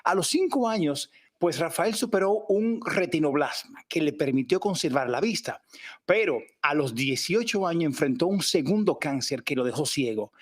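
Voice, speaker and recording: A man hosting an interview podcast. He speaks in a slightly higher register and sounds friendly and grateful as he welcomes his guest. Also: lively intonation, normal speed. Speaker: podcast host. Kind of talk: casual interview.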